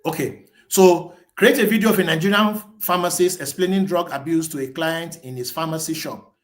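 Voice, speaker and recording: A man's voice: fairly high pitch, moderate pace. A man presenting a webinar as a live screen-share tutorial, thinking aloud as he types, restarting and correcting himself.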